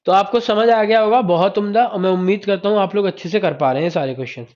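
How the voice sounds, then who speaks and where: A man's voice: sits high, quick pace, a little mellow. Male tutor, live online class: repeats every point, quizzes and praises students, muffled lo-fi stream. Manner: praises students by name, calls them "sahab" and "beta". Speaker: Hindi teacher. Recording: dull lo-fi stream audio.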